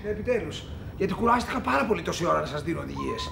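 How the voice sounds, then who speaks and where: An actor playing a pompous, germ-fearing middle-aged professor who talks in a formal, fussy, stammering way. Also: male voice, high voice, animated, vocal fry, very noisy, full character voice.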